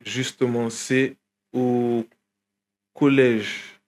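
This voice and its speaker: A man's voice: medium pitch, flat delivery, very slow. A young man from Guinea, a rapper, talking casually in an interview with many fillers and restarts. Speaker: rapper guest.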